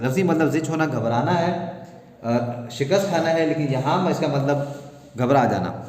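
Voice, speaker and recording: A male teacher narrates a play and stops to explain its words. His slightly raised voice bounces around a hard room with a long reverb tail. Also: a little high. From Pakistan. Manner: explanatory, storytelling. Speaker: Urdu teacher. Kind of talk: lecture, reading a play aloud and explaining words.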